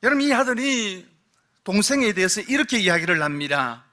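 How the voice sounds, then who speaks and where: Korean pastor preaching in church, high bright ringing voice, lots of questions to the crowd, goes loud then drops real quiet. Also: male voice, sing-song, a little fast. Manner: preaching with rhetorical questions, swinging from loud emphasis to hushed low tones. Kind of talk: sermon. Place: church sanctuary.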